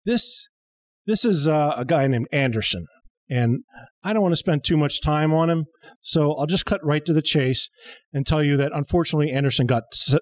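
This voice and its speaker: A comedy show co-host in his thirties, with a slightly high voice, riffs on films in a dry, sarcastic way. The close boom-mounted mic in his small studio captures him with no echo.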